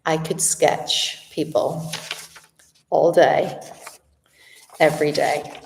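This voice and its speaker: A woman's voice: deep voice, little pitch movement, extremely slow, vocal fry, a little hiss or hum. Echoey distant recording, middle-aged woman, slight slushy lisp, casual livestream chat, reflective. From Northern Ireland. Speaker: artist and art teacher hosting a live Q&A. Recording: echoey room, distant from the mic.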